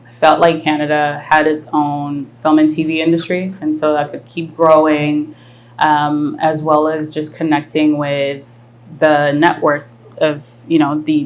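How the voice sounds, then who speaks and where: A woman in her thirties from France hosts a live podcast in front of an audience. Her voice sits low, and she talks in a reflective, searching way, often pausing on fillers as she thinks. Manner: reflective, thoughtful, many fillers. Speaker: podcast host. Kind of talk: casual live podcast conversation. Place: live event venue with audience.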